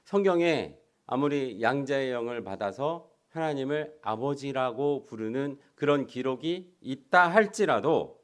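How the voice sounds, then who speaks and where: Middle-aged male pastor, lively sermon delivery, raised pitch, rhetorical questions, loud-soft swings. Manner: rhetorical questions answered himself, swings between loud emphasis and quiet asides.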